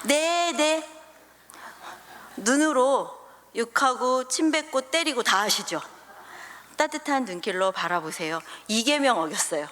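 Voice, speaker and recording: Pastor's wife giving a sermon, voice bounces up and down a lot, long echo in the church. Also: female voice, on the high side, normal speed. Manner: animated storyteller who acts out scenes with the congregation. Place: church sanctuary. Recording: reverberant church hall.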